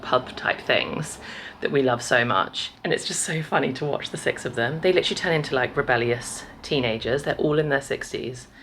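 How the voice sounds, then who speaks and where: Low-voiced chatty woman vlogging. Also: fairly bright tone, a little hiss or hum. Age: about 30. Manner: chatty, rambling, with light laughs. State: a bit out of breath. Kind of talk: casual vlog chat to camera. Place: a house indoors.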